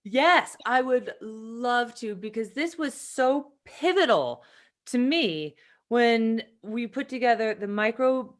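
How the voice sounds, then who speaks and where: Woman host, talks slow, lots of yes and affirming. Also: a little high, expressive. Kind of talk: podcast interview.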